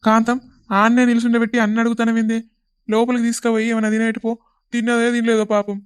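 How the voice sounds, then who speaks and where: A woman's voice: a little high, monotone, fast, clean tone, lightly acted. A woman voicing a worried young village husband in a cartoon, pleading anxiously in a Telangana Telugu accent. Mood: questioning.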